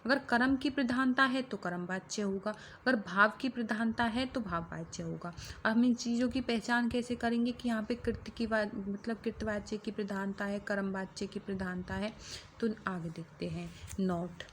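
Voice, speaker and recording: A woman's voice: medium pitch, moderate pace, a bit bright, a little hiss or hum. A woman teaching a grammar lesson to exam students, explaining step by step and repeating key phrases to check along.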